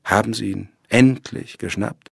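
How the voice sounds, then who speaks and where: A man's voice: on the low side, steady tone, measured pace, gravelly, slightly rough, dry recording, studio quality, voice pushed up, heavily acted. A man reading an audiobook, voicing a nervous, evasive male lawyer who hesitates. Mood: guarded.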